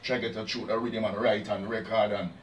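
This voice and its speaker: A dancehall artist from Dominica speaks in a laid-back interview with a Jamaican-influenced Caribbean accent and dialect, frequently asking "you understand?" His voice is on the low side, fairly quick, and flat in pitch, captured by a distant mic with roomy sound, faint ambience, and a little hiss or hum.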